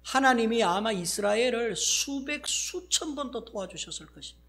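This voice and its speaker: A male pastor with a Gyeongsang accent preaching a sermon, acting out exclamations and swinging from loud bursts to hushed asides. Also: very high voice, lively intonation, normal speed.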